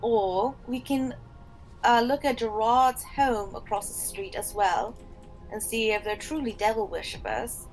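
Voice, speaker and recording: A woman's voice: on the high side, unhurried, darkish tone, faint music behind, poor audio. A woman playing a tabletop game, thinking aloud in character as she lays out options. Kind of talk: casual in-character planning.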